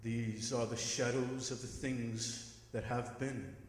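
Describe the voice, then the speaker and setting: A man's voice: medium pitch, flat delivery, slow, natural voice. An actor in a live staged radio drama playing a solemn, commanding male spirit with stately, declamatory delivery. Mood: grave, guiding. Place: on a theatre stage. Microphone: stand microphone with pop filter. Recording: echoey hall with long reverb.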